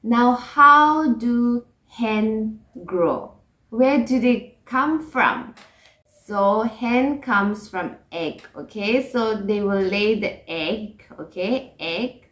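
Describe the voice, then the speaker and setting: A woman's voice: on the high side, animated, very slow, fairly bright tone. A woman teaching an English lesson to children, patiently repeating each word and checking in with "okay?" and "right?". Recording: echoey room.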